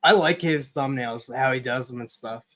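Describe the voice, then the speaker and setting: A man's voice: medium pitch, normal speed, bright, forceful tone. A man hosting a casual hangout livestream, chatting with viewers and reading news items aloud. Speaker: livestream host.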